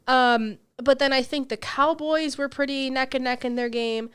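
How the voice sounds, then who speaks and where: A woman's voice: high voice, steady tone, moderate pace, a bit bright, clear, resonant tone. A young woman co-hosting a sports podcast, chatting casually and giggling often. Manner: giggly, chatty, lots of fillers. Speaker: podcast co-host.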